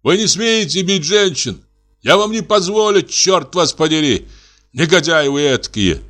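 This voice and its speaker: A hot-tempered young artist in a storybook reading, his voice shrill and pitched high as he rails and scolds, performed by a male narrator. He sounds indignant and quick to explode. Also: big pitch swings, husky. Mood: outraged. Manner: shrill, outraged shouting. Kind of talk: audiobook character voice.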